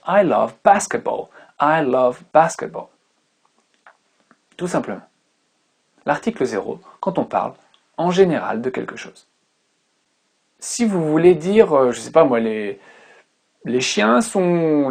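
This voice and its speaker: A woman's voice: sits low, very animated, measured pace, gravelly, darkish tone, slightly rough. A woman teaching English grammar in a tutorial who patiently repeats each example word several times.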